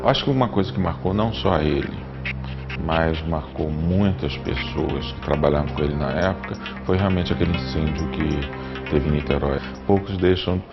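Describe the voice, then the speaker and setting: A man's voice: very deep voice, normal speed. A man with a Brazilian accent recalling things in an interview. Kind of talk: interview recollection. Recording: dull sound with music behind.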